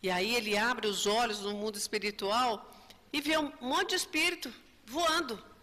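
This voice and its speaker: A woman's voice: fairly high pitch, normal speed, sharp tone. Woman lecturing in a reverberant hall. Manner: storytelling, frequent tag questions. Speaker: spiritist lecturer. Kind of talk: religious lecture.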